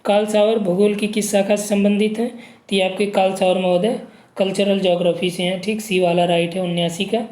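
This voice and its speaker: A man's voice: high voice, flat delivery, a little fast, a little mellow, roomy sound. A man teaching an exam-prep geography lesson, reading questions and options aloud and checking in with students. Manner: reads options aloud, frequent "ठीक" checks.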